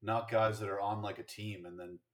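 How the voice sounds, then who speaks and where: A man's voice: fairly low pitch, fairly even intonation, normal speed. A man co-hosting a casual sports podcast, chatting and rattling off statistics with fillers and restarts. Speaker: podcast co-host.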